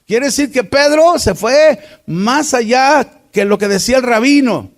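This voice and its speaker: A man's voice: very high voice, unhurried. A man with a Mexican accent teaching a Bible class, posing rhetorical questions to his students.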